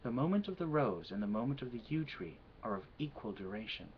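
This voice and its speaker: A Midwestern American man, a vlogger doing an accent challenge, answers the questionnaire casually and then reads a poem slowly, pausing with hesitant "um"s. He's measured and soft-spoken, with a mid-range voice and big pitch swings. The home recording is quiet, dull and lo-fi, with slight background noise.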